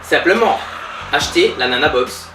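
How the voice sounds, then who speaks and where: A pompous, self-satisfied billionaire , played by a man, bragging in a lively, bouncy voice pitched a bit high. He sounds roomy and distant, with faint music in the background. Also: normal speed. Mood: boastful. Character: boastful, pompous male billionaire entrepreneur. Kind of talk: comedy sketch interview.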